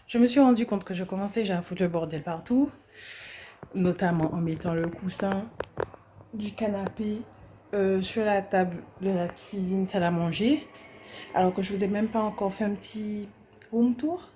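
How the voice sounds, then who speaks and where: A woman's voice: medium pitch, normal speed, warm tone, slight background noise. A young woman vlogging casually with a handheld phone in a small apartment, chatting with frequent hesitations and repeated words. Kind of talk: casual self-filmed vlog chat.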